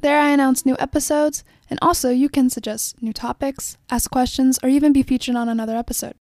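A woman's voice: high-pitched, steady tone, fairly quick, a little mellow, no echo, studio quality. A young woman in her late teens hosting a casual solo podcast, rambling and reflective with frequent fillers. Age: young adult. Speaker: podcast host. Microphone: phone and microphone.

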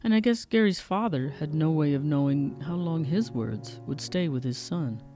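A woman hosting a podcast, calmly narrating a scripted story. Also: deep voice, normal speed, faint music behind.

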